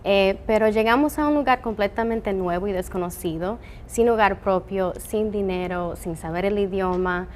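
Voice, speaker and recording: Dominican-born woman engineer, interviewee, earnest and halting, light noise underneath. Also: medium pitch. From Dominican Republic. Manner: earnest, with frequent "eh" fillers. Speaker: telescope operations engineer. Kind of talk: interview answers.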